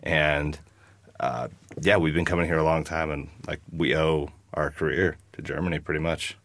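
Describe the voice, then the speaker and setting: A man's voice: very deep voice, fairly even intonation, normal speed, fairly bright tone, no room sound. A man from the United States, chatting about his band in a rambling, jokey interview. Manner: rambling, jokey, lots of fillers. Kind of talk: casual interview chat.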